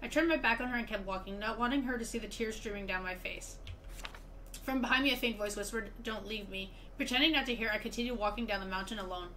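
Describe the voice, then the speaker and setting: A woman's voice: mid-range voice, quick pace, slight background noise, voice pushed down, close to an everyday voice, low-quality recording. Woman reading as a sorrowful young diarist. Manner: soft, subdued reading. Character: grieving young woman writing a diary.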